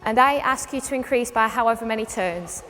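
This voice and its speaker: A woman's voice: a little high, brisk, a bit bright. A woman spin instructor informally explaining a bike demonstration step by step. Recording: echoey hall with music behind.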